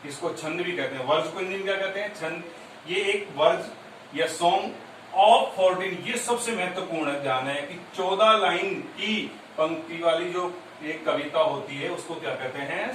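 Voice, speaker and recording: A man's voice: high voice, fairly bright tone. A male school teacher giving a classroom lecture on poetry, explaining step by step, repeating key points and quizzing his students. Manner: mixes English terms into Hindi explanation. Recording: very echoey room, distant mic, faint noise.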